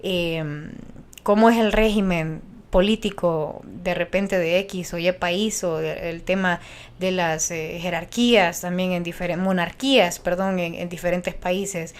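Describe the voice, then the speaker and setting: Animated Honduran woman radio announcer. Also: on the low side, measured pace, clean tone. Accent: Honduran Spanish. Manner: animated, passionate, many restarts. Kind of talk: casual interview chat.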